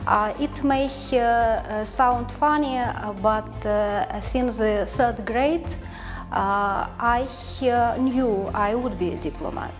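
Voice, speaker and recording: A woman's voice: fairly high pitch, takes it slowly, faint music behind. A woman, a diplomat, telling her story in an interview with very many hesitations. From Ukraine. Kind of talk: interview answer.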